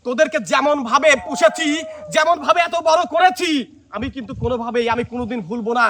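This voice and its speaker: A man's voice: very high voice, quick pace, heavily acted. A man playing a raging, betrayed film villain boss with melodramatic, vengeful threats. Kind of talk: parody of Bengali film villain dialogue. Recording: loud music behind voice. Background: loud music.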